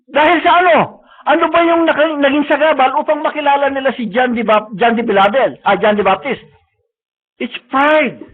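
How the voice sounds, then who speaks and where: A man preaches with a very high voice, switching between Tagalog and English and tagging his points with quick checks to the listeners. The sound is thin and phone-like, as if from a live stream. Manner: mixes Tagalog and English, frequent tag questions. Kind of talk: sermon. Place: church service.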